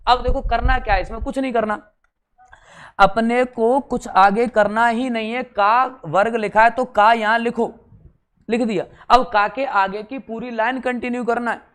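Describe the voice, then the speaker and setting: A man's voice: very high voice, fairly even intonation, normal speed, a bit bright. A male teacher giving an exam-prep grammar lesson, drilling syllables in chanted rows, joking along the way and repeating "theek hai" often.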